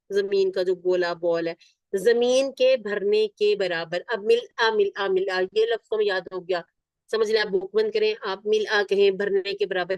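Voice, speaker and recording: Woman, Quran teacher, patient repetition, mid pitch, dry close sound. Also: no room sound. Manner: patient, repeats words slowly and checks in with students. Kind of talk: word-by-word Arabic vocabulary lesson.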